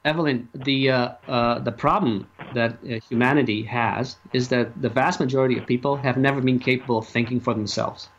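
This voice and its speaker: A man giving opinions as a radio interview guest, speaking haltingly and emphatically and repeating his phrases. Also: medium pitch, fairly even intonation. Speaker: talk show guest and activist. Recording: muffled lo-fi audio, faint noise.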